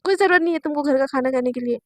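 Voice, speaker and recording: A woman's voice: high voice, rapid-fire, dry recording. A cold, snappish young wife, put on by a woman. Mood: cold, scolding. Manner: curt, dismissive, snapping.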